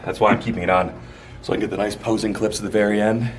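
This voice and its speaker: A man's voice: lowish voice, flat delivery, very fast, a little hiss or hum. A young man vlogging casually from the gym, crude, joking and swearing a lot. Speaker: fitness vlogger.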